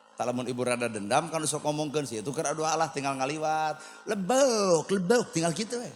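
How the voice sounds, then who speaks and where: Male preacher, Sundanese accent, fairly high voice, storytelling style with dialogue, recorded in a reverberant hall. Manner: storytelling preacher, acts out dialogue, rises to loud bursts. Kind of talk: Islamic sermon to a congregation. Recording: long hall reverb, faint background noise.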